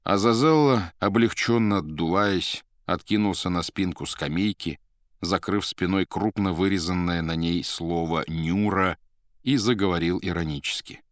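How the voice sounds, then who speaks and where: A man narrating a novel as an audiobook, measured and unhurried. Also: low-pitched, dry recording, clean studio sound. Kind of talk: scripted literary narration.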